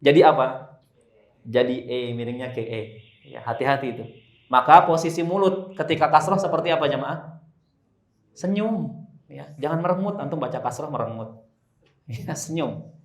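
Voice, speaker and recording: A man teaching Quran recitation to a congregation, drawing out slow chanted verses and joking between drills. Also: on the high side. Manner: demonstrates slow drawn-out recitation, joking asides. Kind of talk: live tajwid class with congregation. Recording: echoey room.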